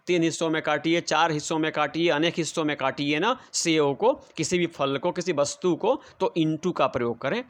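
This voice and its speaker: A man's voice: a little high, fairly bright tone. Patient male English teacher. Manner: explains slowly, keeps addressing the children, repeats sentences. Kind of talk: classroom lesson.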